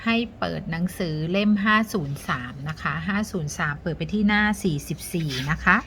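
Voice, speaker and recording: A woman's voice: on the low side, fairly quick, fairly bright tone, a little hiss or hum. A woman teacher patiently walking young students through a math lesson step by step, counting aloud with polite particles.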